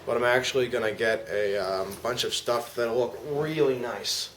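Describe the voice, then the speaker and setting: A man's voice: mid-range voice, moderate pace, fairly bright tone. Casual man reviewing gear over noise. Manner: informal, slangy. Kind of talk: casual product demonstration. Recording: clear background noise.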